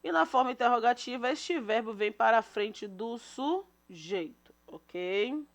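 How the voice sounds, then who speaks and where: A woman leads a recorded grammar lesson in a slightly high voice. She is patient and repeats each example, checking in with her students after every point. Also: lively intonation, unhurried. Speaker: English teacher.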